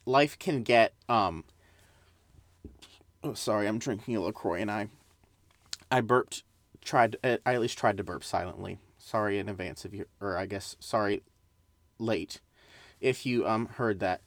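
A man's voice: fairly low pitch, measured pace, pauses often, no room sound. A young adult man hosting a casual solo podcast, rambling through tangents and side remarks. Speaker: podcast host.

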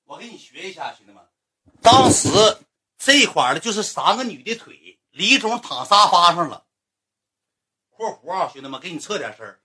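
A man's voice: high-pitched, big pitch swings, normal speed, bright, forceful tone, breathy edge. A man with a Northeastern Mandarin accent telling a comic story colloquially to his livestream viewers, speaking to them as brothers.

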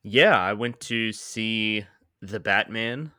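A man in his 20s co-hosts a casual sports podcast, cracking wry, dry jokes and laughing often. His voice is lowish and sharp, his pace slow, and there's no echo.

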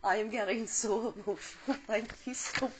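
A woman hosting a spiritual podcast, reading oracle cards and a guided meditation in a soft, gentle, unhurried voice. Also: fairly high pitch, steady tone, low-quality recording.

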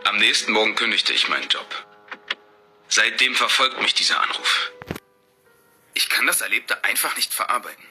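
A man's voice: on the low side, lively intonation, normal speed, long pauses, pushed and bright, soft background music. Man narrating a horror story.

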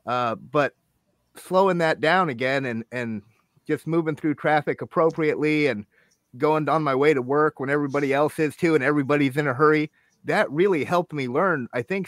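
A man in casual podcast chat who talks thoughtfully and in a measured way. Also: fairly high pitch, a bit bright, dry recording.

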